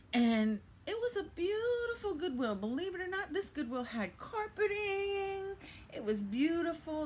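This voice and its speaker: An older woman vlogger tells a reselling story as a playful fairy tale, narrating theatrically and dropping in chatty asides. Her voice is high-pitched, and a little hiss or hum can be heard.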